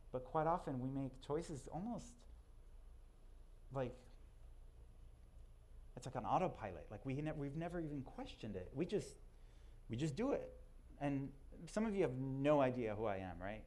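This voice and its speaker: A man from Israel with Hebrew as his first language speaks to a live audience in a loose, conversational way, often restarting his sentences. His pitch sits in the middle range, and at times he drifts a little further from the mic. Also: darkish tone. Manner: conversational, self-deprecating, halting restarts.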